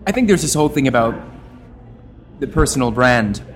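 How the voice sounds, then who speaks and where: A man from Canada speaks as a guest on an interview podcast, at an ordinary pitch for a man. He talks at length in a wordy, expressive way, bending his voice as he goes. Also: a little fast, soft background music. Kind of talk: casual interview talk.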